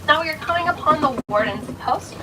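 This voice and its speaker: Woman safari guide, cheerful scripted spiel, outdoor loudspeaker, distant, engine noise behind. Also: high voice, expressive, brisk. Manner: cheerful, addresses riders as friends. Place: open-air safari truck outdoors.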